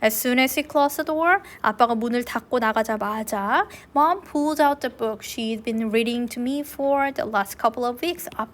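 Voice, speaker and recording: A woman English teacher reading a novel aloud slowly and clearly, then translating it line by line. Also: on the high side. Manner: slow and clear in English, quicker in Korean.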